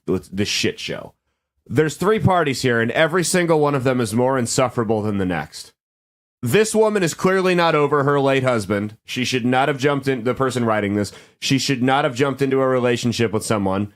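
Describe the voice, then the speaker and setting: Sarcastic man riffing on letters. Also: medium pitch. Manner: sarcastic, joking asides. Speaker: podcast host reading advice letters. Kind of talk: casual comedic commentary.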